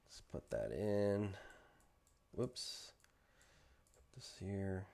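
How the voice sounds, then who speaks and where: Low, gravelly man sculpting on screen. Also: sing-song, drawn-out words, darkish tone. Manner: mumbling asides to himself while working. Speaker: 3D modeling vlogger. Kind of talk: casual narration while sculpting. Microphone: desk microphone.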